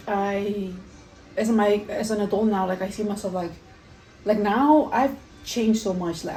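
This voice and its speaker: A young woman's dark-toned, mid-range voice carries a rambling, casual food vlog in which she eats and answers questions mukbang-style, saying "like" often. It's filmed in a roomy home kitchen, so there's echo and faint background noise.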